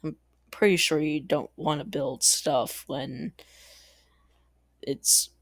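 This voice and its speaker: A man's voice: a little high, slow pace, gravelly, fairly bright tone, dry recording, studio quality. A man giving casual, rambling commentary over a strategy game, chatty and full of asides, little laughs and mild exasperated swearing. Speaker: gaming channel host.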